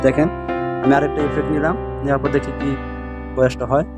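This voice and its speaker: A man with a medium-pitched, level voice narrates a step-by-step app tutorial quickly over plucked guitar music. He repeats himself and often checks that the viewer is following along.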